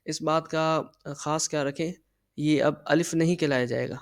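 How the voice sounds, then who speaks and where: A man teaching a Quran reading lesson, patiently explaining and slowly drilling syllables aloud. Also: on the high side, fairly even intonation, no echo.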